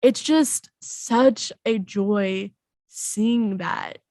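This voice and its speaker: Slow-talking woman podcaster with a cold. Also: mid-range voice, dark tone, no echo. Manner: slow, drawn-out talk with frequent pauses. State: getting over a cold. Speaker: podcast co-host. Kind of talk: casual chat. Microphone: podcast microphone.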